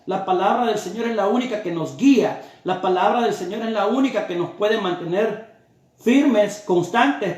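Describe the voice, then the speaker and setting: A man preaching a sermon with an emphatic, repetitive cadence. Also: high-pitched. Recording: very echoey room.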